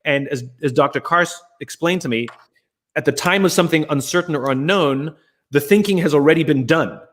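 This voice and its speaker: A man's voice: on the high side, fairly quick, a bit bright. A man hosting a book club discussion, talking eagerly and drawing out ideas from his guest. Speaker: host.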